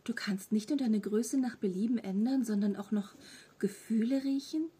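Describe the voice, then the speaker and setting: A woman reading an audiobook, voicing an excited, curious nine-year-old boy who stammers eagerly and bashfully. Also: on the high side, moderate pace, breathy edge. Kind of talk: audiobook character voice.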